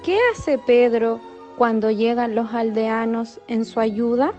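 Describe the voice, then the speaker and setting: A woman narrating a children's story slowly and clearly, speaking directly to the children. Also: a little high, steady tone, highs cut off. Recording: narration over loud background music.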